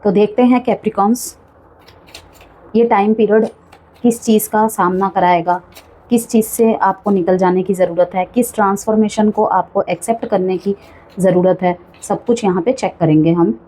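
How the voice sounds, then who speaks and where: A woman's voice: medium pitch, moderate pace, warm tone, poor audio. A woman giving a chatty monthly tarot horoscope reading, full of warnings and frequent check-ins with the listener. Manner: chatty, cautionary, repeats "ठीक है" often. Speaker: tarot reader.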